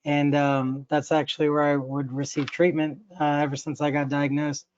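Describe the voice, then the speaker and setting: Even-toned man in his thirties. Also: a little high, moderate pace, lo-fi sound, a little hiss or hum. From United States. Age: 30s. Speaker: panelist. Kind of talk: self-introduction.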